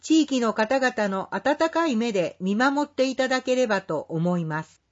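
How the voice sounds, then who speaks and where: A woman reading a scripted community announcement in a polite, measured, formal way. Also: on the high side, expressive, muffled recording. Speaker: care facility staff announcer.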